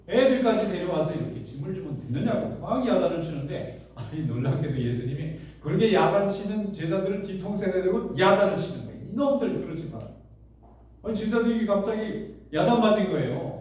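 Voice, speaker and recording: A pastor with a high, mellow voice preaches a sermon in his church sanctuary. He tells stories conversationally and asks many rhetorical questions. The echoey church hall carries his voice from a distance.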